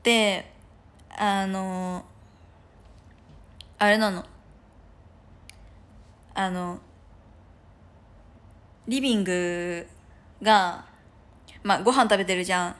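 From her room at home without curtains, a young idol livestreamer from Japan chats on stream, rambling, giggling and filling gaps with fillers. Her mid-range voice is steady and a bit bright, and she speaks slowly with long pauses.

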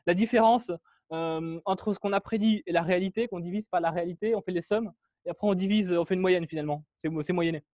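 At a meetup, a man gives a technical talk, walking through code with lots of fillers and restarts. His voice is high and a little mellow, and the recording has no room sound.

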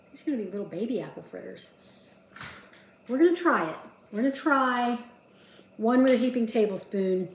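A woman's voice: mid-range voice, slight background noise. A woman in her fifties chats her way through a recipe in her home kitchen, joking at her own expense. Her voice carries through a roomy, echoing space from a camera set across the counter. Utensils and dishes clink faintly behind her. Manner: chatty, self-deprecating, talks to herself while working. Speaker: home cooking vlogger. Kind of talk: casual cooking chat to camera. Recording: echoey kitchen with clattering dishes.

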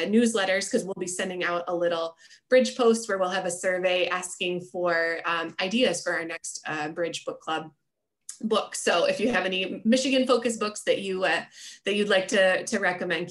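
A woman's voice: lowish voice, normal speed, fairly bright tone. An American woman in her thirties hosting an online book club in a polite, appreciative, conversational way. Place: small room at home, indoors. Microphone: video call computer microphone.

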